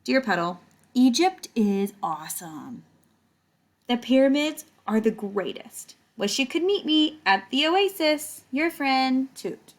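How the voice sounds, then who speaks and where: A high-pitched woman reads slowly from a picture book for children, much like a teacher. Animated throughout, she draws words out and turns to her young listeners with casual comments explaining the story.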